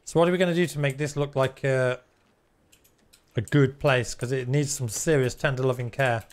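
A man's voice: mid-range voice, steady tone, moderate pace. A man giving casual, chatty live gameplay commentary with some teasing. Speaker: game streamer.

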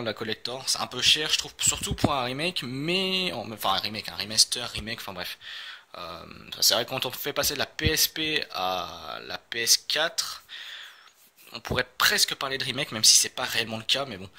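Bright-voiced man rambling through an unboxing. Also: mid-range voice, slight background noise. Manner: rambling, hesitant, many fillers and self-corrections. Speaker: youtuber unboxing a game. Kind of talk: casual unboxing commentary.

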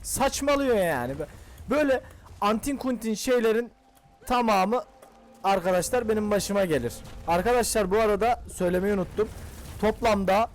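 Excitable young man narrating gameplay. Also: high-pitched, moderate pace, slight background noise. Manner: excitable, swearing, talks to the game characters. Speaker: gaming channel host. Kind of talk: casual gameplay commentary.

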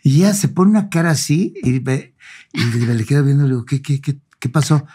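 A man's voice: a little high, animated, fairly quick, dark tone, husky. A man, a podcast guest telling a long anecdote in a casual way and acting out both sides of the dialogue. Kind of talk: casual storytelling.

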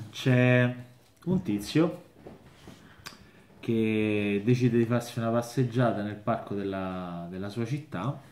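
A man telling a long joke, unhurried and animated, slipping into voices for the characters. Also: on the low side. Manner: unhurried, lively storytelling, shifts into character voices. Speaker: joke teller. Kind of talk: storytelling a joke. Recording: roomy echo, faint noise.

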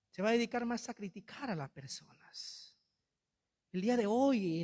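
With a very high voice, a young Peruvian priest delivers a sermon through a handheld mic in a large church, speaking in Peruvian Spanish. He is impassioned and scolding, driving his points home by repeating phrases. The church adds a long, trailing reverb.

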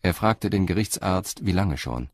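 A low-voiced man narrates a crime radio play, his delivery sober, measured and expressive, like scripted storytelling. The recording is close and dry, with no echo.

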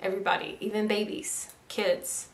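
A young woman talks through a casual product review vlog. She sounds chatty and enthusiastic and leans on "like" as she goes, at a middling pitch. The room around her gives back a clear echo. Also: flat delivery, moderate pace, slight background noise. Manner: chatty, enthusiastic, fills speech with "like". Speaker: YouTuber. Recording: echoey room.

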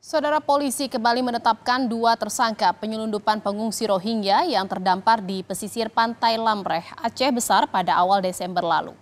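Fairly high-voiced woman news anchor. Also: steady tone, brisk, hardly any pauses. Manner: crisp formal delivery. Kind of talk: studio news reading. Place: TV studio.

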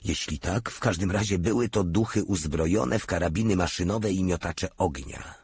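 A man reading a war novel aloud as an audiobook narrator, in a grim, measured way. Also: sits low, darkish tone, slightly rough.

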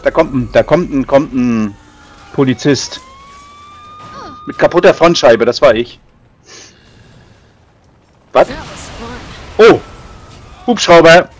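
A man playing a game with a friend in casual banter, calling out directions over and over in a lively voice. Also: mid-range voice. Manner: lively, shouts out directions in rapid repeats. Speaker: let's play co-player.

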